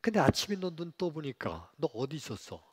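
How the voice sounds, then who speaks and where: A pastor voicing a gentle father who tenderly reassures his dying daughter in a soft, hushed voice. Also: a little high, very animated, fairly quick, husky, pitched above the performer's own voice.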